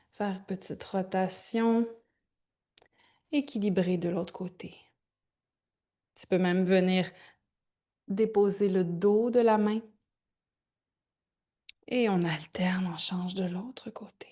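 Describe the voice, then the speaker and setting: A woman teaches a gentle yoga class, giving soft, informal cues with pauses as she demonstrates. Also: medium pitch. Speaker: yoga instructor.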